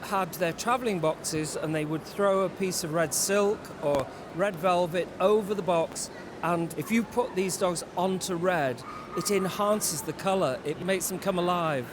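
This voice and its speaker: A man with a fairly high voice explains dog breeds in a measured, informative way while being interviewed. Traffic and outdoor noise come through clearly behind him. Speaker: dog show judge. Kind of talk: interview answers.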